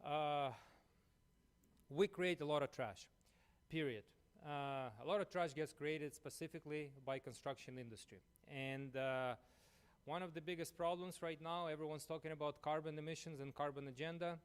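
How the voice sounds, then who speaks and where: A man's voice: fairly high pitch, steady tone, moderate pace, clear, resonant tone. A man from Ukraine with a Ukrainian accent, giving a conference presentation in a chatty way, full of "you know" and "uh". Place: conference room.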